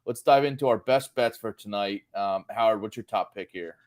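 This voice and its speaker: A man with a fairly low voice co-hosting a sports betting chat. He moves the show along and works through his numbers in a steady, filler-heavy way. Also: moderate pace. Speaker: co-host, betting analyst.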